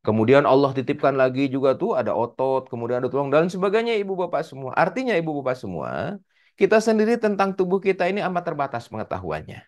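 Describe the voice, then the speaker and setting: A man in his forties with a Sundanese accent, giving an animated religious study lecture and addressing the audience directly. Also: mid-range voice, fast talker. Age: 40s. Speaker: speaker at a religious study session.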